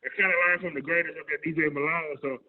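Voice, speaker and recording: A man's voice: on the high side, steady tone, quick pace. A man in his forties, a radio DJ chatting on a video call, his voice hollow and muffled as if he were talking into a trash can. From Houston, Texas. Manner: laid-back, rambling, many fillers and restarts. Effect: hollow, muffled sound as if talking into a trash can. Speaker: radio DJ and record promoter. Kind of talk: casual panel chat on a video call. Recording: tinny phone-like call audio.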